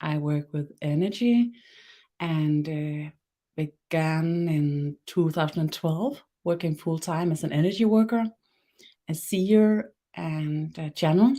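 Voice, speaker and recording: A Danish woman with a low, mellow voice hosts a live-streamed webinar as an energy worker, guiding a body meditation. She speaks slowly and in a measured way, halting with fillers and restarts as she gives soft instructions.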